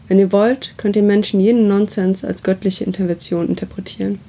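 Patient lecturing god guy, soft mellow husky tone, storybook reading, woman doing it. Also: medium pitch. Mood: calm. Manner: calm, unhurried, explaining. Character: calm, lecturing male god, patient and wry.

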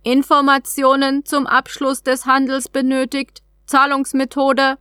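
A prim robotic alien trading capsule, put on by a woman storyteller, reciting its notices in clipped, formal phrases. The voice sits fairly high and sounds dry and close. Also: monotone, a little slow, sharp tone, dry recording. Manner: clipped, formal machine announcements.

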